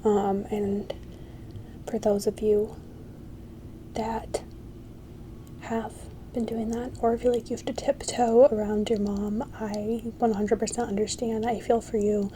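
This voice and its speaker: Female, whispered ASMR pep talk. Reassuring, halting delivery, mellow and fairly even, faint noise behind. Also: mid-range voice. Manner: whispered, soft-spoken and halting; reassuring, encouraging. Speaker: ASMR creator.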